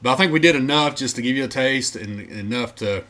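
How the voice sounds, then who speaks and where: A man's voice: medium pitch, a little fast, fairly bright tone. A man co-hosting a podcast, laid-back and chatty, drifting off into side tangents. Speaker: podcast co-host. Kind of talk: casual chat.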